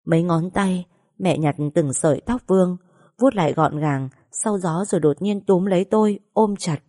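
A woman narrating a sad first-person story in a somber, measured way. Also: lowish voice, dark tone, dry recording, clean studio sound. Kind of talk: scripted audiobook narration.

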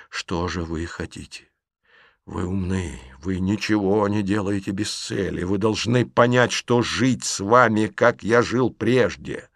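A man's voice: deep voice, a bit bright, no echo, clean studio sound, full character voice. A man voicing a stern, tormented nobleman who speaks with cold, restrained bitterness.

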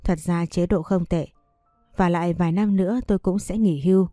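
A woman voicing an older woman doctor near retirement, who speaks in a calm, measured way. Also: fairly low pitch, no room sound, clean studio sound, faint music behind, lightly acted.

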